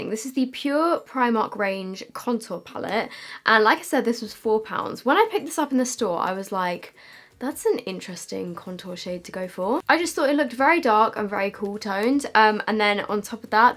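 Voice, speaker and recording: A woman's voice: medium pitch, a bit bright. Slightly lispy young British woman, chatty. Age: young adult. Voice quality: slightly lispy from wearing a retainer. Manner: chatty, self-deprecating. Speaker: beauty vlogger. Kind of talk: casual makeup review to camera. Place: small decorated room indoors.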